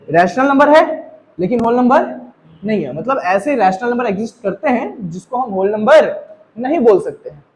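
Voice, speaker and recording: Speaking Hindi with English maths vocabulary mixed in, a man from India teaches his class and keeps asking students if they follow. His voice is very high-pitched with a darkish tone, and the recording quality is low.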